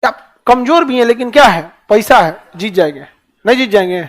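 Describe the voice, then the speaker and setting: Bihari guy lecturing a class, really high voice, keeps throwing questions at them. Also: lively intonation, normal speed. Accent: Bihari Hindi. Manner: rhetorical questions, colloquial. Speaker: teacher.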